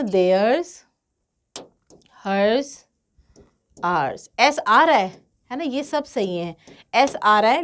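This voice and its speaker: A woman tutor with a slightly high voice teaches English grammar, switching between Hindi and English. She takes her time, speaking deliberately, restating the important points and asking questions she doesn't expect answered.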